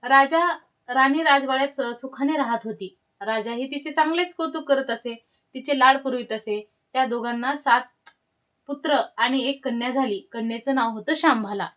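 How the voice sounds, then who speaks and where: A woman's voice: sits high, normal speed, a bit bright. A woman hosting her channel and telling a devotional tale in short, rhythmic phrases. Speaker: devotional storyteller, channel host.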